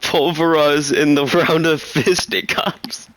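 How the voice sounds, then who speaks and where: A young man gaming and chatting casually, with a somewhat high voice and an unhurried pace. He teases constantly and keeps breaking into giggles as he talks. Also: fairly even intonation, fairly bright tone, no echo. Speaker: gamer. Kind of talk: casual game chat.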